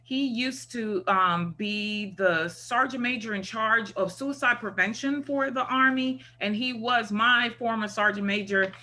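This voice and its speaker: A woman's voice: fairly high pitch, measured pace, few pauses, sharp tone. A woman from Jamaica with a Jamaican accent, a retired first sergeant giving conversational remarks on a video call, often filling with "you know" and "um". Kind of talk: virtual conference remarks.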